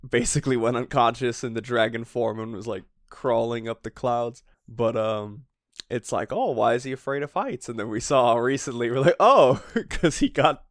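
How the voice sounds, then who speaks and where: A man co-hosting a podcast in casual chat, excitable, laughing often and swearing freely. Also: medium pitch, no echo, clean studio sound. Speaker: podcast co-host.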